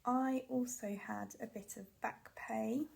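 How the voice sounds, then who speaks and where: British woman budget vlogger with a cold; hoarse, unhurried, apologetic, slips into whispers. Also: a little high, fairly even intonation, darkish tone. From United Kingdom. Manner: apologetic, often drops to a whisper while counting cash. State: a bit out of breath. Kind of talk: casual chat to camera.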